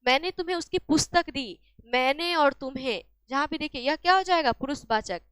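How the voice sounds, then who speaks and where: Female teacher, high voice, dry close sound, walks students through exam answers with question-and-answer drilling. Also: brisk, fairly bright tone, no echo. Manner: asks a question then answers it herself. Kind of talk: exam-solution lesson.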